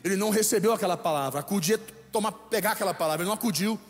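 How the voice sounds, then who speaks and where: Brazilian bishop preaching, high voice, long church echo, soft music under it. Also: male voice, rapid-fire. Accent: Brazilian Portuguese. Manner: emphatic, repeats lines for the congregation to echo. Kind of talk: sermon. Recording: echoey hall with faint music.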